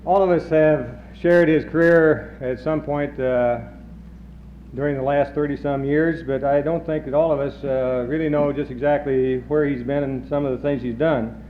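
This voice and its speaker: A man's voice: fairly high pitch, normal speed. A man, a second in command, reading out a colleague's career history at a retirement party with light asides, heard on old worn reel-to-reel tape. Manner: steady, slightly self-correcting, light asides. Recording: dull worn 1970s tape with faint noise.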